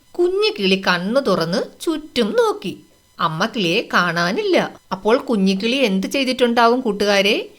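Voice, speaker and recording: Lively woman teaching young children. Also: a little high. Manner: sing-song questions to children, acts out animal lines. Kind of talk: children's lesson walkthrough.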